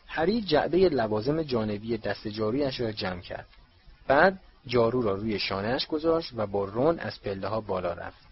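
A man narrating an audiobook in an even, steady reading voice. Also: lowish voice. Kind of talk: storybook narration. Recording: slightly dull recording, faint hiss.

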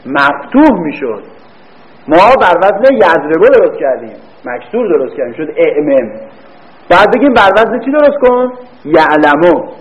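A man teaching a grammar class who quizzes his students, answers his own questions, and drags words out slowly when he repeats them. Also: on the high side, very animated. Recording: dull lo-fi recording.

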